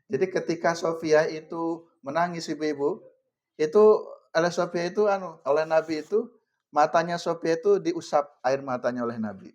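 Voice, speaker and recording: A man's voice: on the high side, normal speed, darkish tone. A man giving an informal religious lecture, talking straight to his listeners and often laughing. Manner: chatty, addresses audience directly, laughs often, mixes Javanese words. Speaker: religious teacher. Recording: muffled lo-fi recording.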